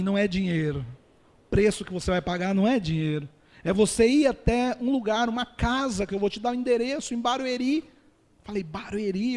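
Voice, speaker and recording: A man's voice: sits high, a little mellow. A pastor, telling his personal testimony to a church congregation in an earnest storytelling manner and often calling them brothers. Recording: long reverb of a hall.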